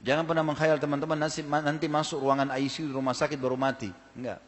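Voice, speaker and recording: A man's voice: on the high side, little pitch movement, fast talker. Emphatic male preacher in an echoing hall. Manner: emphatic, asks the audience rhetorical questions. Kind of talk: sermon.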